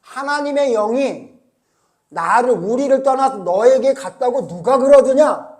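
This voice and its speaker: An arrogant false prophet taunts his rival with a sneer, voiced by a male preacher in a sermon. The pitch rides high and the tone is scornful and pushy. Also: lively intonation, measured pace, darkish tone.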